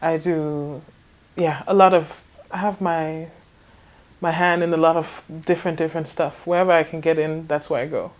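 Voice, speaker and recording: A woman's voice: deep voice, steady tone, normal speed. A young woman in her twenties from Denmark, answering interview questions casually with frequent hesitations and small laughs. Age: 20s. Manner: hesitant, many ums and restarts, laughs often. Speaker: interview guest, fashion designer.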